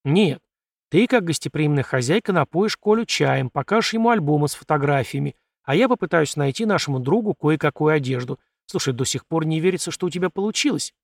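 A man's voice: a little high, animated, gravelly, no room sound, clean studio sound. A man voicing a confident, easygoing young fiancé. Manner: brisk, self-assured.

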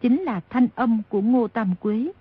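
A woman narrating a novel aloud in steady, expressive storytelling. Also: on the high side, unhurried, breathy edge, no echo. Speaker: audiobook narrator. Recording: dull lo-fi audio.

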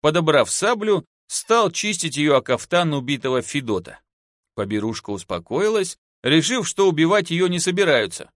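Brief: male audiobook reader, lively expressive delivery, dry close sound. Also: fairly high pitch, moderate pace, no room sound. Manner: expressive storytelling. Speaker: narrator. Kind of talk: audiobook reading.

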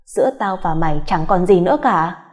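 A woman's voice: on the low side, fairly quick, natural voice. A woman voicing a bitter, vengeful wife who speaks with cold contempt. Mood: cold hatred. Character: bitter vengeful wife grieving her son.

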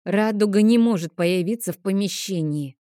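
A woman's voice: mid-range voice, moderate pace, mellow, no echo, clean studio sound, lightly acted. A woman voicing a stubborn little boy who talks in a matter-of-fact, smug way, in an audiobook. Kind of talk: audiobook character voice.

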